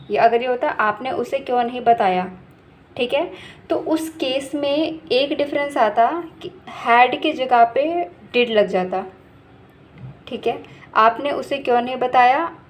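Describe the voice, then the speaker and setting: A woman English teacher explaining grammar in a casual, patient way, often checking in and correcting herself as she goes. She slows right down to read out the English example sentences. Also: on the high side. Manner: slow, deliberate reading of English example sentences; frequent "ठीक है" check-ins and self-corrections.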